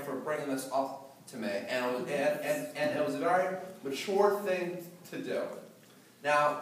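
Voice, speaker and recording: A teenage boy with a slightly high voice stutters through a prepared talk before an audience, repeating words and blocking. The echoey hall makes him sound distant, and there's slight background noise.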